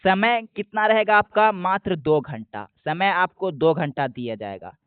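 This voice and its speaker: Man, high voice, exam coach explaining step by step, dry close phone-line audio. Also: lively intonation, clear, resonant tone, no room sound. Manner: asks a question, then answers it himself; repeats key points slowly. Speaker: exam prep teacher. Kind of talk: explanatory lesson. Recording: dry, phone-like narrow sound.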